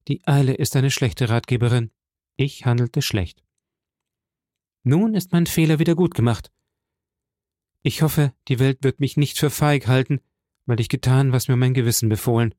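Man voicing a proud young nobleman, firm declamatory delivery, mellow tone, dry sound. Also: mid-range voice, moderate pace, pauses often, no echo, lightly acted. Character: proud young nobleman defending his honor.

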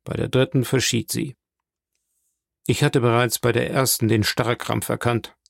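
A man narrating an audiobook in a steady, even-paced reading. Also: medium pitch, unhurried, creaky, no echo, clean studio sound. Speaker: audiobook reader.

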